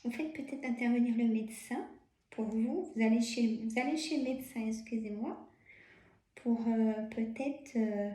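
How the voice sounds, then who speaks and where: Tired woman with a Burgundy accent, slow and chatty card reader, slightly high voice, echoey room. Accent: Burgundy French. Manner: chatty, filler-heavy, frequent "hein" and soft laughs. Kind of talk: casual card-reading video.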